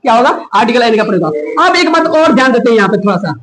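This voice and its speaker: Male grammar teacher, classroom lecture, high pitch, roomy echo, quizzes students constantly. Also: rapid-fire. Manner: questions the class often, animated.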